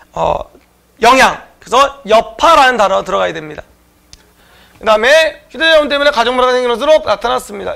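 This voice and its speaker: A man's voice: very high-pitched, vocal fry, sharp tone. A man teaching an online exam-prep lecture, explaining answers to viewers with frequent filler sounds.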